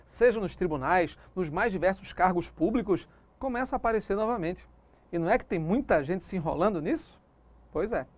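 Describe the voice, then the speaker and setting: A high-pitched man with a Brazilian Portuguese accent teaches a recorded exam-prep lesson. He drills points through call-and-response, playing the student who asks himself the questions.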